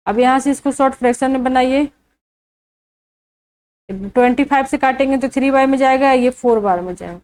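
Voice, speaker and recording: A woman with a high voice teaches a maths lesson step by step. She keeps asking the viewer questions and then answers them herself. Her delivery is slow and deliberate. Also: darkish tone, poor audio.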